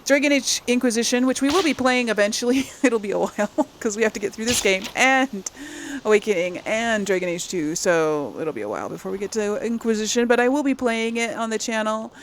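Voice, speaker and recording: A woman hosts a casual gaming let's-play for her channel, chatting and thinking aloud as she plays through a game. Her voice is on the high side, a little fast with few pauses, and there is a slight hiss or hum.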